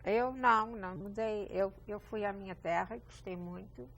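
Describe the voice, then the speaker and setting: A woman's voice: medium pitch, normal speed, a bit bright, slight background noise. An older woman from Portugal, talking as a guest in a reflective, hesitant way with small restarts. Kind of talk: casual chat.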